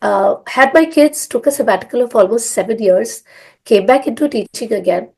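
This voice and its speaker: As a guest, the middle-aged language school founder from India shares her life story in a loose, filler-heavy, conversational way. Her hoarse voice runs on the high side, a little mellow, at a moderate pace.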